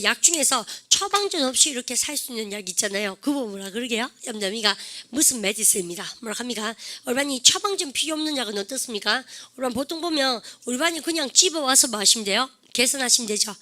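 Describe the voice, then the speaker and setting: A woman teaching English vocabulary in a classroom-style lecture. She coaxes students to repeat after her and draws out English example phrases very slowly. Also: fairly high pitch, lively intonation, bright, forceful tone.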